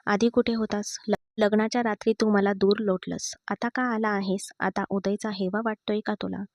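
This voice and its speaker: A woman's voice: mid-range voice, little pitch movement, moderate pace, a little hiss or hum, natural voice. A woman reading the part of a hurt, defiant young wife who answers sharply and taunts her husband. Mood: indignant.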